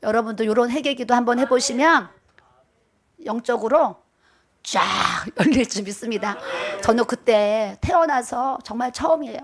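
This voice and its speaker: Pastor's wife, high bright voice, dramatic testimony sermon, keeps asking the crowd questions. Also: female voice, moderate pace. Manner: dramatic storytelling, quizzing the audience.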